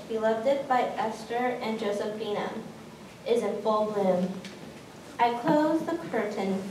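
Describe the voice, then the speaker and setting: A woman's voice: a little high, a little mellow. Woman narrating, distant and echoey. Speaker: performer reading a personal piece. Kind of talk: present-tense descriptive narration. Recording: very echoey room, distant mic, faint noise.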